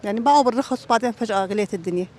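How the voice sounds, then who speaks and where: A woman's voice: mid-range voice, rapid-fire, a little mellow. A middle-aged woman with a Syrian Arabic accent, answering questions in a casual personal interview. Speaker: street interviewee. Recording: background music under voice.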